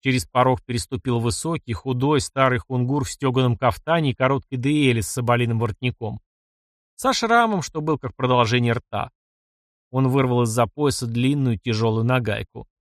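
A man reading a dark fantasy audiobook with expressive narration. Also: mid-range voice, normal speed, no echo, clean studio sound.

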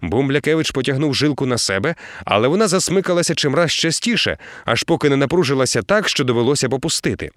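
Man, audiobook narration, expressive, animated intonation, dry close sound. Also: mid-range voice, fast talker, no echo. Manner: expressive storytelling. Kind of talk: scripted narration.

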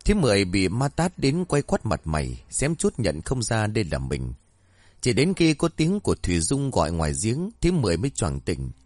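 A man narrating a ghost story with expressive delivery. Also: fairly low pitch, moderate pace, no room sound.

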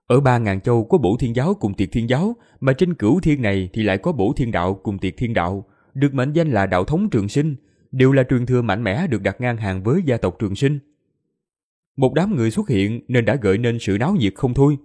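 A man narrating a fantasy audiobook in an expressive storytelling manner. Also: medium pitch, fairly quick. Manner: expressive storytelling, voices all characters.

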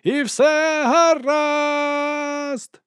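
A man's voice: medium pitch, brisk, darkish tone, dry recording, clean studio sound, lightly acted. A man voicing a young, earnest, giant recruit who is naive and easily bewildered, in a storybook reading. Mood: shouting.

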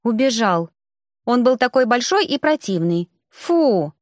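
A woman's voice: medium pitch, lively intonation, normal speed, dry recording, lightly acted. Audiobook casting: a woman voicing a fussy, flustered male rector in a girl's body, dry close read. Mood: flustered complaining. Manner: flustered, complaining.

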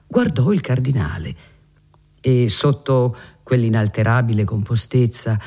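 A man narrating a classic novel in a measured, expressive reading. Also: mid-range voice. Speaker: audiobook reader.

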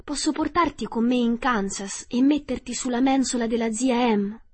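A woman voicing a polite, gentle little girl. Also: on the high side, moderate pace, husky, voice pushed up. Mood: kind.

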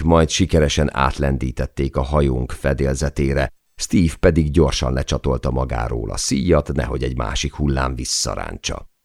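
A man narrates an audiobook in a steady, dramatic manner. His voice sits extremely low with a gravelly texture. The recording is dry and close with no room sound. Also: no echo. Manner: measured, dramatic storytelling.

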